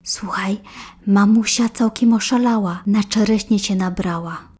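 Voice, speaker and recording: A woman's voice: mid-range voice, fairly even intonation, normal speed, darkish tone, breathy edge, close to an everyday voice. A woman voicing an anxious young woman who whispers urgently into the phone. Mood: whispering.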